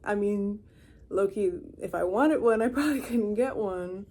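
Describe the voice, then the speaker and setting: Mellow-voiced 23-year-old woman rambling. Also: medium pitch, a little slow. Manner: rambling, chatty, many fillers and restarts. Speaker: vlogger. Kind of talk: casual rambling vlog. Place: her own room indoors. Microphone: camera.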